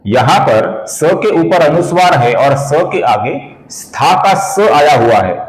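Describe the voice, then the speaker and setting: A man teaching Sanskrit chant pronunciation in a video lesson. He addresses the viewers as friends and patiently slows down to spell out each syllable. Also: fairly high pitch, roomy sound, poor audio.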